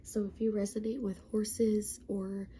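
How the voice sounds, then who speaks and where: Her voice is congested and stuffy from a cold, mid-range and even in tone, coming out as a soft, hesitant half-whisper. Giving a casual spiritual talk as a tarot reader, she lingers on many ums and seems self-conscious about how she sounds, over a faint hiss or hum.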